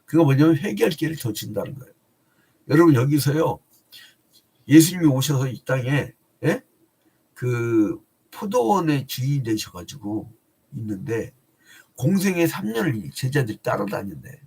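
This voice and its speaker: A man's voice: medium pitch, big pitch swings, moderate pace, creaky, dark tone, breathy edge. A male pastor preaching a dawn prayer sermon in a chatty way, often asking the congregation rhetorical questions.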